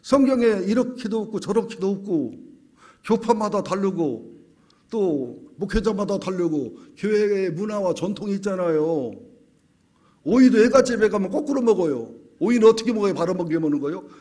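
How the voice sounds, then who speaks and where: Folksy pastor telling jokes. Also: male voice, high voice, animated, normal speed, a little mellow. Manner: folksy storytelling with jokes, acts out voices. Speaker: senior pastor. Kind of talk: humorous sermon. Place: church sanctuary.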